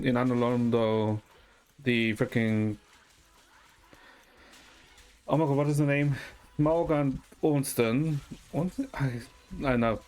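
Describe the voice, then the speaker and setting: While streaming a game, a man chats casually with his audience in a mid-range voice with a darkish tone. He thinks aloud hesitantly, throwing in mild swearing, as music plays behind him.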